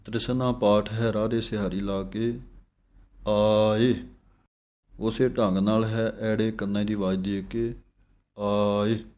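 A man teaching careful recitation of scripture, chanting verses slowly with a melodic lilt and then explaining pronunciation points. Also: fairly low pitch, fairly even intonation, a little mellow.

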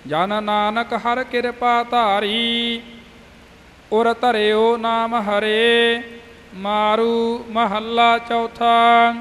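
A man reciting scripture in a slow, measured chant, syllable by syllable. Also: extremely high pitch, fairly bright tone, big-room sound.

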